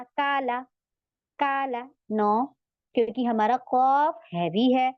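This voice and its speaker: A woman's voice: high-pitched, no room sound, muffled recording. A woman teaching a recorded online lesson, patiently repeating each sound several times and checking in with her learners as she explains. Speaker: Tajweed teacher.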